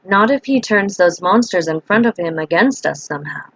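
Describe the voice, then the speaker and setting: A woman's voice: on the low side, expressive, normal speed, gravelly, a bit bright, husky, no echo, exaggerated voice. A wary, grumpy young companion, voiced by a woman reading a game aloud, grudging and reluctant about every risk. The voice stays close to an everyday register, recorded dry and slightly muffled.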